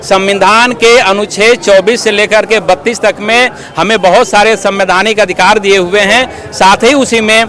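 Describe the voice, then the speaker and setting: Interviewed outdoors on the street as an activist, a man argues his case at length, formal and earnest, leaning on habitual filler phrases as he explains. His high voice is bright and forceful, steady, at normal speed with few pauses.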